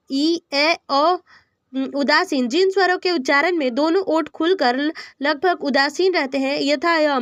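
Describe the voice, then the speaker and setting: High-voiced woman reading a lesson. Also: fairly bright tone, dry recording, studio quality. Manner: slow, deliberate listing of vowel sounds. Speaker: teacher reading exam answers. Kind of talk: read-aloud exam study lesson.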